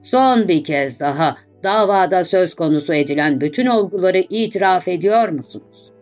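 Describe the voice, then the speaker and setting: Woman doing a composed, icy official, man, low and even-toned, formal questions; muffled recording with faint music. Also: normal speed, lightly acted. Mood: cold. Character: cold, composed male king's prosecutor.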